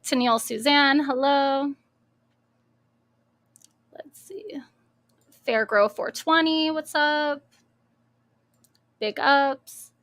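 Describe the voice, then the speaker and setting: A woman's voice: high voice, slow pace, long pauses, a bit bright. A young adult woman hosting a casual live stream, chatty and easily amused, greeting viewers by name. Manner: chatty, greets chat names one by one, laughs easily.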